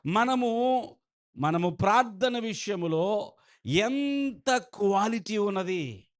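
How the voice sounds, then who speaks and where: Slow-preaching, fairly high-voiced male pastor. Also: expressive. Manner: slow, emphatic preaching, mixing in English phrases and asking the congregation questions. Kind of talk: sermon. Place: church.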